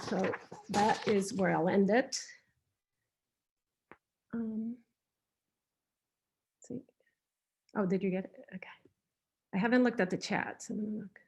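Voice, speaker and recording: A woman's voice: medium pitch, steady tone, measured pace, vocal fry, long pauses, darkish tone. A woman from Patagonia in Argentina giving an online artist talk, thoughtful and prone to restarts, heard over a video call. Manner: thoughtful, with frequent restarts and fillers. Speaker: visiting artist speaker.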